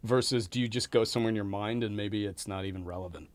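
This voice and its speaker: A man's voice: fairly low pitch, fast, no room sound. A man hosting a casual studio interview, asking eager, rambling questions. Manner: enthusiastic, rambling questions with restarts. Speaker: interview host.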